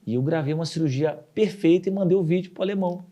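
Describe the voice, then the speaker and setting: A urologist from southern Brazil, guesting on a casual podcast interview, tells surgery stories in a slightly high voice and talks fast. He's an animated storyteller who acts out quoted dialogue.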